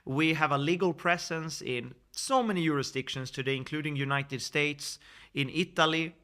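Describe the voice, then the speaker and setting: Bright-voiced Swedish man in his thirties. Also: fairly high pitch, normal speed. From Sweden. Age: 30s. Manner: earnest, persuasive, with frequent fillers and restarts. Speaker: network marketing presenter. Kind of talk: screen-share sales presentation.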